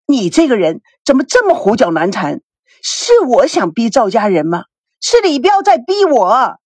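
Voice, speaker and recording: A woman's voice: fairly high pitch, very animated, moderate pace, darkish tone, slightly rough, no room sound, clean studio sound. A woman voicing a proud middle-aged father who argues defensively.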